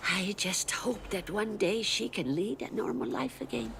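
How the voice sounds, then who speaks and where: A woman voicing a game character, a mother sadly recounting a family's tragedy in soft, sorrowful dialogue. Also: medium pitch, expressive, moderate pace, creaky, a little hiss or hum. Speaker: game character, a mother telling a sad story.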